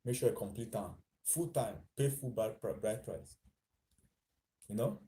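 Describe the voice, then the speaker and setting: A Nigerian man chats through a casual vlog in an unhurried voice with fairly low pitch and a dark tone. He slips into Pidgin as he talks and laughs at his own lines.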